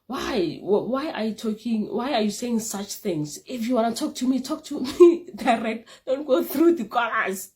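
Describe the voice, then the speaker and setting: A woman voicing an angry, muscular young female flatmate who confronts her with demanding questions. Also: a little high, moderate pace, hardly any pauses, voice pushed up, close to an everyday voice. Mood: indignant.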